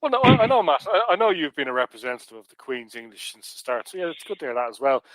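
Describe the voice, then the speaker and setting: A man's voice: mid-range voice, expressive, quick pace, a bit bright, no room sound, low-quality recording. An Irish man hosting a casual podcast panel, jokey and chatty, plugging merch with frequent restarts. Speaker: podcast host.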